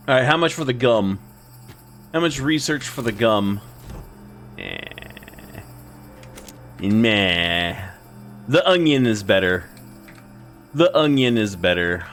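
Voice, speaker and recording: A man talks his way through a building game in a loose, conversational let's-play style. His pitch jumps around a lot as he muses to himself, with faint music playing underneath. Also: lively intonation, slow, pauses often, fairly bright tone. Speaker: gaming video host. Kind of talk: casual let's-play commentary.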